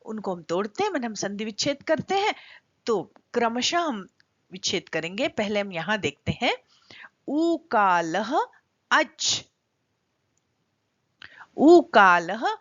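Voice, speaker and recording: In a video lesson, a middle-aged woman with a mid-range voice teaches Sanskrit grammar step by step, stretching out vowel sounds to show how long they are. The recording is dry, with a slightly dull lo-fi quality.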